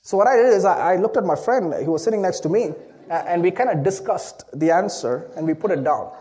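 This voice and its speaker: Preaching earnestly, the pastor, a Tamil-speaking man from Chennai with an Indian accent, weaves a personal story into his sermon and frequently repeats words as he restarts phrases. His voice is high, expressive, and dark-toned, going a little fast.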